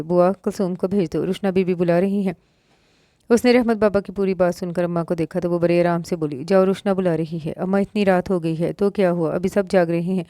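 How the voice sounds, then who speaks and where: A woman with a Pakistani Urdu accent reading a romance novel aloud, voicing every part in the same even voice. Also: lowish voice, dry recording, studio quality. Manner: reads all parts in one even voice, lifting slightly for quoted lines. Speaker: novel narrator.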